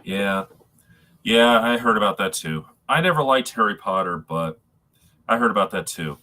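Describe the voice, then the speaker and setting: Stuffy-nosed man with a bright, forceful voice. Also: fairly low pitch, animated. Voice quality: stuffy, congested nasal sound from a packed nose. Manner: halting, rambling, addressing viewers as folks. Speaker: live streamer. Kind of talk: casual live-stream tribute talk.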